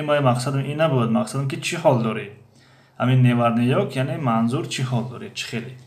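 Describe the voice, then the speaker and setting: A man teaching a language lesson from a textbook, explaining phrases with many hesitations and slow repetitions. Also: medium pitch, a little mellow. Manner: hesitant, many pauses and fillers, repeats phrases slowly. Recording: echoey room.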